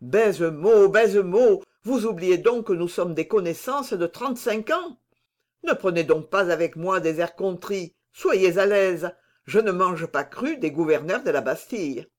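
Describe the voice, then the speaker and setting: Brief: male reader doing a jovial bold musketeer captain, pitched up, animated delivery. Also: unhurried. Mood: teasing. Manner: hearty, teasing, exclaiming. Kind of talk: audiobook reading.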